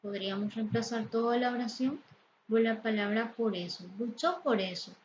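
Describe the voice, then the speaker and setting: A woman teaching a Spanish grammar lesson, explaining step by step and reading example sentences slowly and carefully. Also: on the high side. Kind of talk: slow, deliberate lesson explanation. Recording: slightly dull, lo-fi sound with faint background noise.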